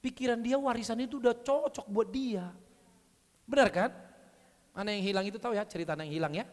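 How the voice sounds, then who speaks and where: A male preacher, giving a blunt, scolding sermon with sudden loud calls. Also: very high voice, quick pace. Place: church hall. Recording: long church hall reverb.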